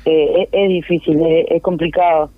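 A woman's voice: deep voice, steady tone, normal speed. A woman with a Uruguayan accent, speaking on the phone in an interview, hesitant with many fillers and restarts. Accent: Uruguayan Spanish. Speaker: neighborhood representative interviewed by phone. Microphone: telephone. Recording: tinny dry phone line.

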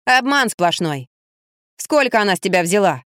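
A woman's voice: medium pitch, sing-song, a bit bright, dry recording, studio quality. A woman reading an audiobook, voicing a brash young boy who speaks bluntly and emphatically. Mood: scornful. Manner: blunt, indignant, slow and emphatic.

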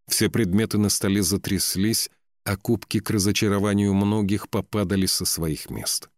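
A man narrates a fantasy novel in a very low, deep voice. His reading is measured and dramatic, and he lingers on key words. The sound is dry and close, with no room echo. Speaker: audiobook narrator.

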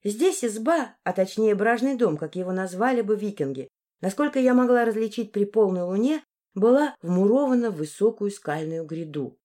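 A woman narrates a first-person fantasy novel in a steady, storytelling voice. Her timbre is dark and mellow, and her pitch sits in a middle range. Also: normal speed. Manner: even, storytelling delivery. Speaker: audiobook narrator.

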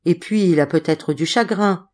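A woman reading an audiobook, voicing an older gentleman who speaks in an eager, questioning way. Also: lowish voice, moderate pace, close to an everyday voice. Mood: coaxing.

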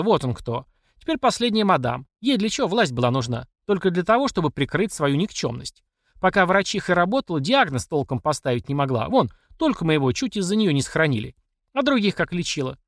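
Older village matron, bossy and folksy, high and lively, read by a man, dry close sound. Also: dry recording. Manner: scolding, folksy, rallying. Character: bossy older village woman, outspoken orator.

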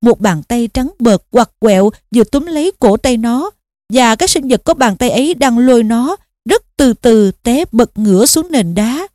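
A woman reading an audiobook aloud in a steady, expressive storytelling manner. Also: fairly high pitch, normal speed, no echo, clean studio sound. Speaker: audiobook narrator.

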